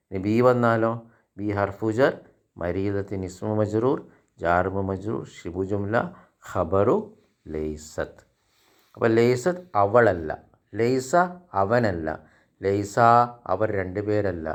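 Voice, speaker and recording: A man from India, giving an Arabic grammar lesson. He speaks slowly through example sentences and asks his learners questions. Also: lowish voice. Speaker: Arabic teacher.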